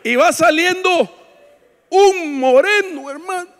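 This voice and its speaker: Man, pastor, very high voice, storytelling sermon, loud bursts and quiet asides, joking with the congregation, long hall reverb. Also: slow pace. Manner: storytelling preacher, swings from shouts to hushed asides; jokes with the congregation. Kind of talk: sermon at a women's retreat. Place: church hall. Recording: long echo of a large hall.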